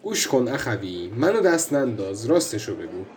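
An actor playing a stern, exasperated district judge who interrogates and scolds the accused in a radio drama. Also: male voice, medium pitch, very animated, a little hiss or hum, natural voice.

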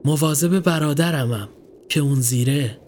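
A man's voice: high-pitched, animated, slight background noise, pitched above the performer's own voice. A man voicing a stubborn nine-year-old boy standing guard, answering tersely and defensively. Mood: quiet, sad.

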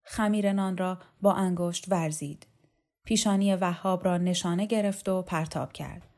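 A woman reader narrating a literary novel in a calm, measured way. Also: on the low side. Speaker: audiobook reader.

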